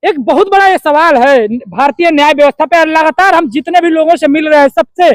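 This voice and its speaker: A male interviewer with a very high voice keeps pushing his guest with pointed questions, often repeating them. The sound is dry and close to the mic. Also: fairly quick, no echo. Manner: probing, presses with repeated questions. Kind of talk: political interview.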